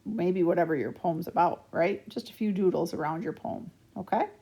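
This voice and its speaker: Young woman as a grade-school teacher in a recorded remote lesson; mellow tone with some vocal fry, patient, keeps asking "okay?". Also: on the low side, moderate pace. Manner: patient, checks in with frequent "okay?".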